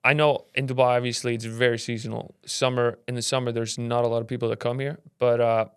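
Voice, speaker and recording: Late-20s man, hesitant guest, smooth clear tone, dry close mic. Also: medium pitch, little pitch movement, fast, dry recording. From Iceland. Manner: hesitant, many restarts. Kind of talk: casual interview chat.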